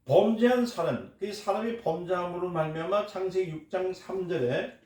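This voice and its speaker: In a reverberant church hall, a pastor with a high-sitting, darkish voice preaches at a moderate pace. Emphatic throughout, he stresses his points and quizzes the congregation, then answers his own questions.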